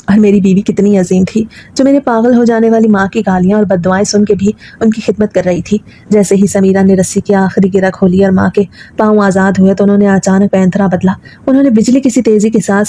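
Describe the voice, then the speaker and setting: Woman telling a dramatic story, dark voice. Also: mid-range voice. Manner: dramatic, emotional first-person telling. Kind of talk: scripted dramatic story narration.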